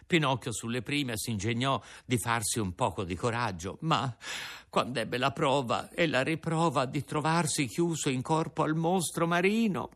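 A man narrating a classic storybook aloud, reading it in a lively way. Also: mid-range voice, normal speed. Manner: lively reading with voiced character lines.

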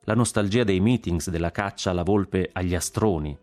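A man narrating a literary story in a measured, expressive reading. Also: sits low, faint music behind.

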